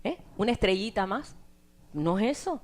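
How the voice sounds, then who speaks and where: A middle-aged woman preaching a sermon, swinging from loud emphatic lines to hushed, near-whispered asides. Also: mid-range voice, animated, moderate pace.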